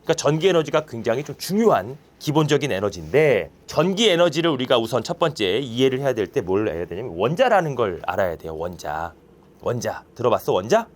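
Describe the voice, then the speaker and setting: A man teaching a science lesson to children in a classroom, playful and quizzing his pupils with quick questions. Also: medium pitch, very animated, slight background noise.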